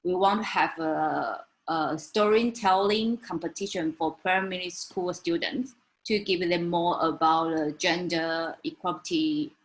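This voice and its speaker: Halting woman presenting slides. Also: fairly low pitch, fairly even intonation, rough recording. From Taiwan. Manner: halting, many fillers and restarts. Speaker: webinar speaker.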